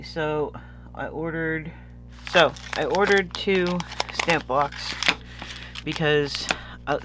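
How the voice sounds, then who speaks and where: A man's voice: a little high, noisy background. A sniffly man chatting casually as a vlogger unboxing purchases, rambling and easily losing his thread. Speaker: vlogger showing stationery purchases.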